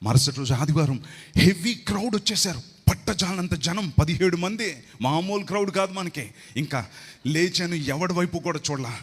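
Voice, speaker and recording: Pastor in a reverberant hall. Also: male voice, high voice, moderate pace, breathy edge. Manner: storytelling with quoted voices. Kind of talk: sermon testimony.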